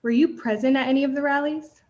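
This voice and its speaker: A young woman trial advocate questioning a witness and addressing the bench in a measured, formal way, heard through a courtroom recording. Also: high voice, fairly even intonation, a little mellow, dull audio.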